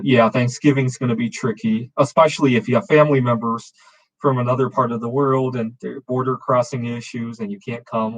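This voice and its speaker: A man's voice: mid-range voice, rough recording. A man in his forties hosting a casual open-camera chat, rambling with many fillers and restarts. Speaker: show host.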